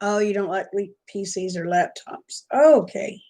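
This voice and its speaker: A sleep-deprived American woman talks in a loose, rambling livestream chat. Her voice sits at a middling pitch, and her manner is folksy and homey, drifting and slow to follow. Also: mellow. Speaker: livestreamer chatting with viewers.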